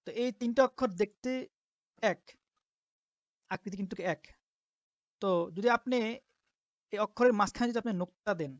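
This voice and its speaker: A woman teaching the Arabic letters step by step as a Quran teacher, patiently repeating each sound slowly. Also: medium pitch, no echo. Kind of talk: step-by-step alphabet lesson. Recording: dull lo-fi dry recording.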